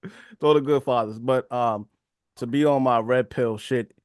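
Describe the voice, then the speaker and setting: A man co-hosting a casual boxing podcast, talking in a laid-back, steady way. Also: medium pitch, normal speed, clear, resonant tone, no echo, studio quality. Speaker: podcast co-host.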